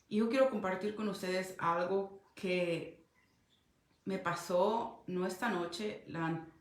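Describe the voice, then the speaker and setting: A woman's voice: mid-range voice, reverberant. A woman pastor giving an earnest sermon, recounting a dream as testimony. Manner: earnest storytelling preacher.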